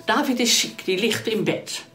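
A woman's voice: on the high side, moderate pace, a bit bright, faint music behind, voice pushed up, close to an everyday voice. A woman voicing a clever young wife protecting her husband in a children's Bible story. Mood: protective. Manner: urgent, protective.

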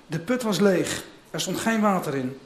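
Preacher, male, high voice, reads scripture with dramatic flair, echoey room. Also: expressive, moderate pace. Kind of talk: reading scripture aloud, then sermon.

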